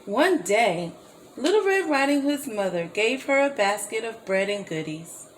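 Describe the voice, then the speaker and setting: A woman reading a children's story aloud as a storybook reader, slow and gently expressive. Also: fairly high pitch, a little hiss or hum, rough recording.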